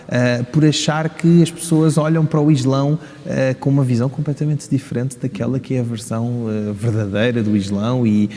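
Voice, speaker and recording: Speaking with a warm, mid-range voice, this man from Portugal gives interview answers as a community leader, his European Portuguese accent clear as he argues emphatically and poses rhetorical questions. The setting is a big, echoing mosque room with long, hall-style reverberation.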